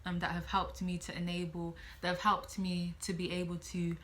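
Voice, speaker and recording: A late-teen student vlogger talks to the camera, offering casual advice in a freewheeling way, thinking out loud and returning to earlier points. Her voice is bright and crisp-edged, sitting slightly low. She speaks at a normal speed in a fairly monotone delivery.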